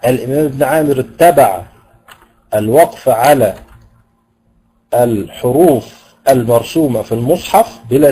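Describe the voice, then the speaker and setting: A man with an Egyptian accent giving a university lecture on Quranic recitation, explaining slowly and pausing with hesitation sounds. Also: mid-range voice, mellow, low-quality recording. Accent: Egyptian Arabic.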